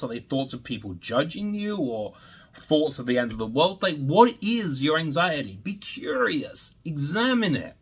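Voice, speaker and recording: A man's voice: on the high side, a bit bright, slightly rough. A man presenting as a meditation teacher, explaining techniques to viewers in an earnest, emphatic coaching manner with rhetorical questions.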